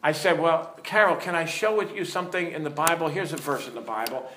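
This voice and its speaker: In an echoey room, a middle-aged pastor preaches earnestly, weaving in stories and asking his listeners questions. His voice is a little high for a man, brisk, pushed and bright, with slight background noise.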